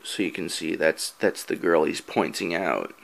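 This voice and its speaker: A man giving a casual, halting comic book review, pausing often with fillers and restarts. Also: deep voice, animated, vocal fry, a bit bright, slight background noise. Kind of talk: casual review with reading aloud.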